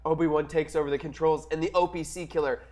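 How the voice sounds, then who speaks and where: A man's voice: a little high, little pitch movement, fast talker, darkish tone. A man reading scripted action narration at a casual comic table read.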